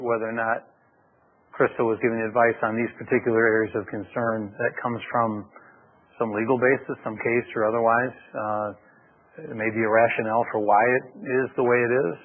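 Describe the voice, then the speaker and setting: A man on a township board, asking measured questions with fillers at a public meeting. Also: medium pitch, little pitch movement. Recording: tinny lo-fi meeting audio.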